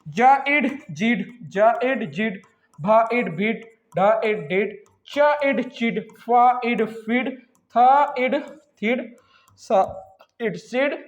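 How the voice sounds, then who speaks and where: A young man, unwell, teaching English reading from slides, who drills syllable blends slowly and talks fast between sets. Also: very high-pitched, echoey room. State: unwell, coughing. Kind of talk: slide-based phonics lesson.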